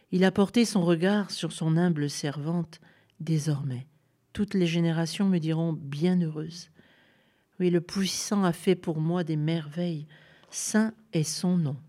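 A woman voicing a humble, devout young woman who recites softly, almost like a prayer, in a storybook reading. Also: low voice. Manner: soft, hushed, prayer-like recitation.

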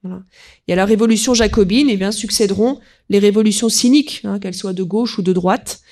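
A woman giving an unscripted history lecture, pausing often and filling gaps with small verbal tics while she reads quotes aloud. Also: medium pitch, a little mellow. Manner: hesitant, peppered with "voilà" and "hein", reads quotes aloud.

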